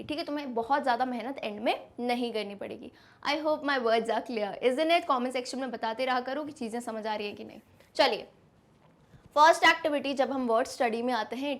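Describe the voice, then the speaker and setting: Brief Young woman teacher, bright high voice, coaxing, spells words out letter by letter for her class. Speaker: English teacher. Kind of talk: classroom lesson explaining to students.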